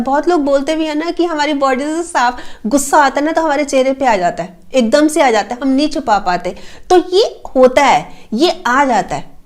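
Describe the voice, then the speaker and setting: A woman with a high, light voice talks through tips on communication in a relaxed, conversational way. She leans on homely examples and fillers as she explains each point. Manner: explains with everyday household examples; uses fillers like matlab and a. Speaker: personality development coach. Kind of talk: casual spoken advice talk.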